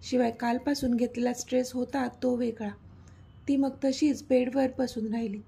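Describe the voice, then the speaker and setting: A woman narrating a serialized romantic story in a steady, expressive reading. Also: on the high side, normal speed, vocal fry, husky.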